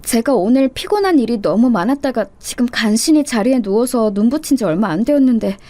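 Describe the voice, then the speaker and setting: Weary, respectful daughter-in-law, soft and held back, voiced by a woman storyteller. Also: a little high, expressive, fairly quick, no echo, close to an everyday voice. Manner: tired, restrained, deferential. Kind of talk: dramatized story reading.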